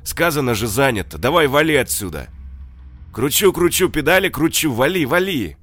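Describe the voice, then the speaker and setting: A man reading an audiobook, voicing a crude adult male looter who shrieks and babbles in a high, shrill, hysterical voice. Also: very animated, normal speed, a bit bright. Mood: menacing. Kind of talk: audiobook character voice.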